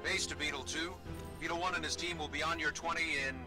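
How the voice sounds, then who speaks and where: A male actor plays a brisk military commander in a video game. He is clipped and official in a fairly high voice, with music underneath. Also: steady tone, close to an everyday voice.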